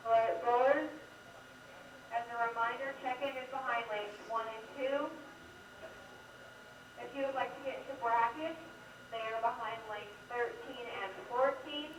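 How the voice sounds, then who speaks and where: A woman giving clear, businesslike reminders over a loudspeaker in a bowling center. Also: on the high side, steady tone, normal speed, pauses often, noisy background. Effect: loudspeaker announcement over a PA. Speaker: announcer. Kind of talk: PA announcement. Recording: echoey PA heard from a distance.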